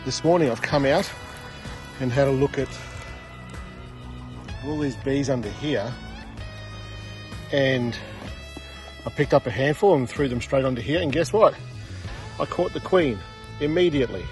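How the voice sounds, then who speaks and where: A middle-aged man with a mellow, dark voice chats casually in a laid-back vlog. He speaks in a plain, colloquial way at an ordinary pitch. He is outdoors on a handheld phone, with bees buzzing by the hives. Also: unhurried, long pauses, soft background music. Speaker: hobby beekeeper vlogger. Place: outdoors in a rural yard among beehives. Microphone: handheld phone camera at arm's length.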